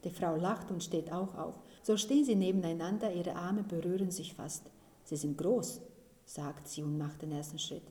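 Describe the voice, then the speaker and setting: A woman, the author, reading her own story aloud in a calm, measured way. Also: fairly low pitch. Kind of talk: literary reading. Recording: roomy reading recording.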